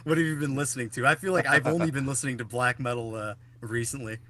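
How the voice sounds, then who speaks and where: Speaking fast in a medium-pitched voice that's pushed and bright yet steady in tone, a man hosts a casual podcast. He rambles through stories, leaning heavily on fillers.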